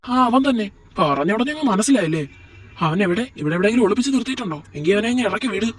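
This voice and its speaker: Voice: medium pitch, lively intonation, very fast, breathy edge. Someone voicing a curt, angry husband, heard from a distance. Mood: accusing. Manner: curt, contemptuous, accusing. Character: angry suspicious young husband. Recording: voice set back from the mic.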